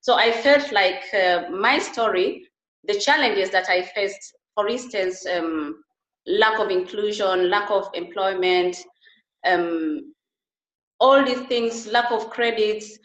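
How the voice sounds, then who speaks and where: A woman's voice: mid-range voice, takes it slowly, a bit bright. A middle-aged woman from Uganda, guest in an interview, speaking earnestly with frequent restarts. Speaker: interview guest, beauty and wellness therapist. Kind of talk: conversational interview. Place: Germany. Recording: roomy echo.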